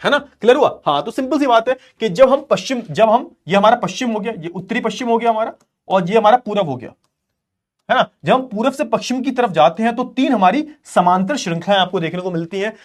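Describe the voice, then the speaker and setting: A male teacher rushes through an exam-prep lecture at a quick clip, his voice pitched high. He keeps repeating key terms and firing rhetorical questions at the class. He urges students to keep up while he sketches on the board. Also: animated. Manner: explains while drawing on a board.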